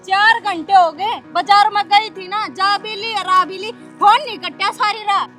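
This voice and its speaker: An indignant, nagging young wife with a Haryanvi accent, played by an actress. Her voice is very high. Soft music plays under her. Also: steady tone, measured pace, heavily acted. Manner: complaining, indignant.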